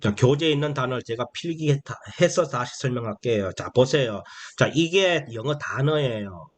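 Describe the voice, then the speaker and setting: A man gives a beginner English phonics lesson at a middle pitch. He asks a question and then answers it himself, over and over, and he stretches out the important phrases. His delivery is patient and repetitive. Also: animated. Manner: drawls key phrases slowly; calls vowels moms and consonants sons. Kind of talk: slow explanatory lesson for beginners.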